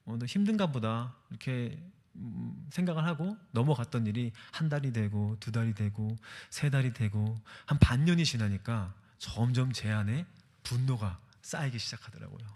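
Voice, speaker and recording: A man's voice: medium pitch, moderate pace, a little mellow. A young man preaching a sermon, telling a story with feeling and acting out the quoted speech of the people in it.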